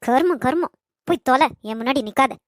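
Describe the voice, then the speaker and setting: A woman doing a sharp-tongued scornful mother-in-law. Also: high-pitched, brisk, no echo, natural voice. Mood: contemptuous. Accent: Kanyakumari Tamil. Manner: scolding, contemptuous. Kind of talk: animated family drama voice acting.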